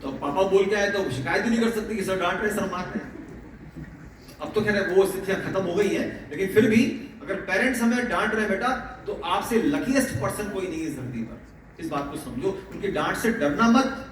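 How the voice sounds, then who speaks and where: Heard through a far-off mic in a very reverberant room with slight background noise, a man teaches and motivates students like a father would. He laughs frequently and calls them "beta," speaking at a moderate pace in a high, animated voice.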